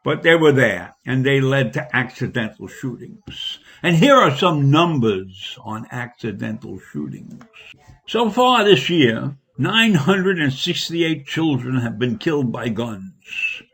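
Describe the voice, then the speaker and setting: A man giving an indignant opinion monologue as a commentator, his pitch rising sharply when he stresses a point. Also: very animated, slow, fairly bright tone, breathy edge. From United States.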